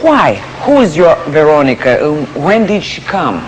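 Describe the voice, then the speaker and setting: A man interviewing, halting and searching for words, with many ums. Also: a little high, sing-song, a little hiss or hum, poor audio. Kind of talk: interview questions.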